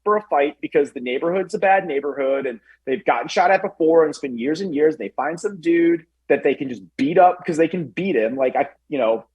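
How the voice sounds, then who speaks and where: On a low-quality recording, a man with a mid-range, breathy voice talks casually as a guest commentator on a talk show. He's from the Chicago area and tells lively stories heavy with fillers, acting out the quotes.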